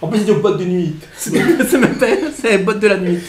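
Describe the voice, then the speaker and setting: A man's voice: high-pitched, a little fast, reverberant, a crowd in the background. A man from Réunion with a strong Réunion Creole accent, bantering and laughing on a live stream. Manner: animated, laughing, teasing.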